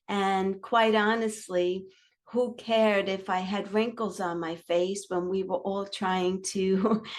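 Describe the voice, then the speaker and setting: A woman in her sixties hosting a podcast, introducing the episode in a chatty, candid way. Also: medium pitch. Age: 60s. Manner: chatty and candid, slow and unhurried. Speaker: podcast host.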